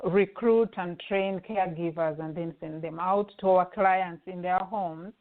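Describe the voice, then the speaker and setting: A middle-aged woman with a Ugandan accent, a guest answering interview questions earnestly, with many pauses and fillers. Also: lowish voice, fairly even intonation. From western Uganda. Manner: earnest, with frequent fillers and restarts. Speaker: guest, home care agency CEO. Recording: tinny phone-line audio.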